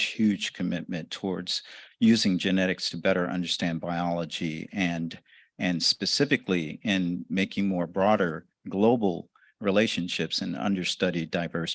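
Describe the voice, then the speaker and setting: A man giving a conference presentation in a relaxed way, with uhs and restarts. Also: sits low, no echo. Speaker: conference speaker.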